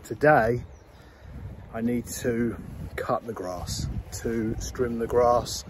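Guy rambling about his allotment, talking outside with clear noise behind him. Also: mid-range voice, fairly even intonation, slow pace. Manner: rambling, self-correcting. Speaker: allotment vlogger. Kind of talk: casual outdoor vlog. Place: outdoors on an allotment.

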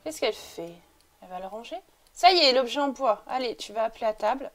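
A woman's voice: on the high side, expressive, fast talker. A woman giving casual gameplay commentary, chatty and talking to the game characters as she plays, sniffling now and then. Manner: chatty, talks to the game characters and coaxes them. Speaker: let's play commentator.

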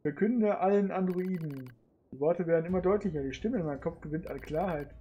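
Streamer calmly reading game text. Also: mid-range voice, a little fast.

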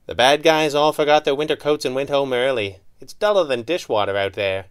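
A man's voice: medium pitch, brisk, clean tone, pitched above the performer's own voice, natural voice. A man voicing a spirited young woman crime fighter who teases her partner with playful, needling banter. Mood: lively. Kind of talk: audiobook dialogue.

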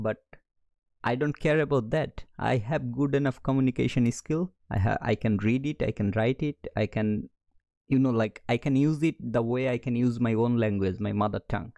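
A man's voice: mid-range voice, normal speed, gravelly, dark tone, no room sound. A man from Bangladesh, speaking with a Bangladeshi accent, gives a screen-share trading lesson in a direct style, often checking in with "okay". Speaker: trading educator.

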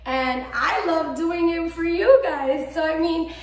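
Her voice is very high and she takes her time, with reverb around it. She is a 24-year-old vlogger and medical student from Miami, Florida, with a Cuban-American accent. She's bubbly, enthusiastic and full of gestures as she talks to camera from a small room at home in a casual vlog.

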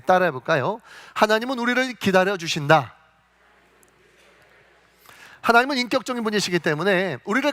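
High, lively Korean pastor preaching. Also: male voice. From South Korea. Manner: lively preaching, asks the congregation questions and answers them himself; acts out God's and Moses' words with slow, stressed delivery. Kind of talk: sermon. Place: church sanctuary.

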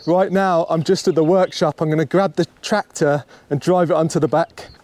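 A man's voice: fairly high pitch, steady tone, moderate pace, very noisy. A young man chatting upbeat to a camera held at arm's length, walking around his rural land outdoors. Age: young adult. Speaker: homestead vlogger. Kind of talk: casual vlog to camera.

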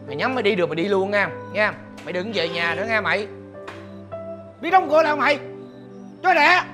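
An actor with a Southern Vietnamese accent playing a gruff, hot-tempered middle-aged father who scolds and curses loudly. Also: sits high, rapid-fire, over music, close to an everyday voice. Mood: furious. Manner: shouting, scolding and cursing. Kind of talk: film acting.

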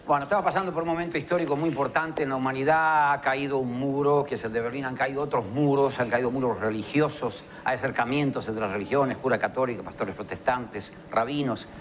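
A man with an Argentine accent setting up a joke on a TV comedy panel in a rapid storytelling rush. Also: medium pitch, fairly even intonation, a little hiss or hum. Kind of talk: stand-up joke telling on a TV panel.

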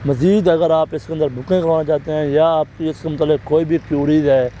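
Sitting outdoors on a park bench, a real estate agent in his thirties with a Pakistani Urdu accent steadily walks through a property project's prices and figures. His voice is fairly high, mellow and brisk, with fairly even intonation, on a low-quality recording with slight background noise.

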